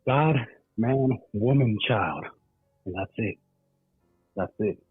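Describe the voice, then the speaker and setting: A man's voice: fairly low pitch, slow pace, faint music behind. Give me a male caller who sounds muffled as if through a wall, on a tinny phone line, speaking earnestly. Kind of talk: call-in radio chat.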